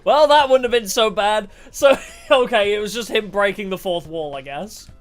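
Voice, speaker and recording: A woman livestreamer giving casual game commentary, with animated reactions and chatty asides. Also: mid-range voice, normal speed. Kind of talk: casual game commentary, reading dialogue aloud. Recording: music playing behind the voice.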